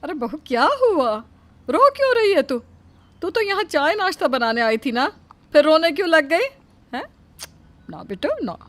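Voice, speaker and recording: A woman voicing a kind, protective middle-aged mother-in-law in an animated story, gently soothing and scolding. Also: sits high, normal speed, long pauses. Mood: consoling.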